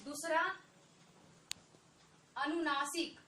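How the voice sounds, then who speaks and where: A woman's voice: sits high, level tone, drawn-out words, sharp tone, distant mic, a little hiss or hum. A woman teaching a lesson to children, patiently repeating points and drawing out vowel sounds. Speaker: Hindi teacher. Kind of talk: online Hindi lesson for children. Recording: echoey room, voice a bit off-mic.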